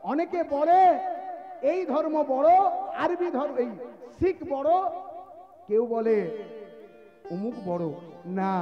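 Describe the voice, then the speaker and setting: A man giving a devotional sermon at a live gathering, asking the crowd rhetorical questions and calling for quiet. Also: extremely high pitch, lo-fi sound. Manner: asks the crowd rhetorical questions and hushes them. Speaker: kirtan preacher.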